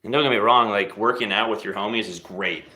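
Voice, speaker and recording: This male streamer has a lowish, pushed, bright voice and talks a little fast as he leads a workout from his home setup. His live-stream chat is relaxed and meandering, mixing jokes with encouragement, and the space sounds roomy and echoey.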